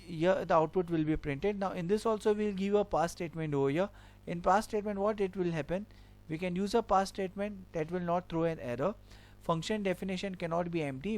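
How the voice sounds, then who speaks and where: A man's voice, high-pitched with a darkish tone, guides viewers through code in a screen-recorded lesson. He takes it step by step and circles back over each point with an "okay".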